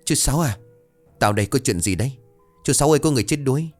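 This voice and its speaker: A man voicing a frightened young village man who talks in a frantic, rushed way. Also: on the low side, lively intonation, faint music behind. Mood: panicked.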